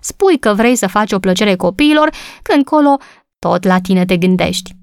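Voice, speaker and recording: A woman's voice: medium pitch, lively intonation, smooth, no room sound, studio quality, close to an everyday voice. A woman doing a teasing young husband. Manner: joking, easygoing.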